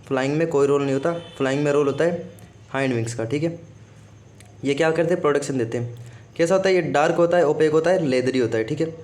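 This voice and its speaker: A man's voice: fairly high pitch, fast, darkish tone. A man teaching a biology lesson for exam prep, who keeps repeating "okay" and asks himself questions before answering them.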